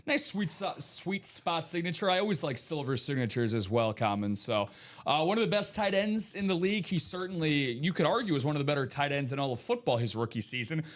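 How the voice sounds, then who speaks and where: A man's voice: fairly high pitch, sing-song, fairly quick. Chatty young man talking football. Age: 20s. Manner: chatty sports talk, many fillers. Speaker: co-host of a live sports card break show. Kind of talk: live stream sports chat.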